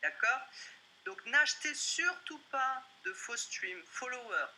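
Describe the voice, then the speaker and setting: A woman's voice: sits high, sing-song, takes it slowly, pushed and bright, slight background noise, low-quality recording. A woman presenting a webinar as a music business coach, talking directly and conversationally to her listeners.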